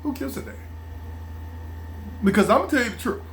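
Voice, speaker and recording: A man, talking in a casual monologue, animated, acting out his friends' voices. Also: very high voice, fairly quick, slight background noise. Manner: animated, acts out friends' voices, laughs often. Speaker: vlogger.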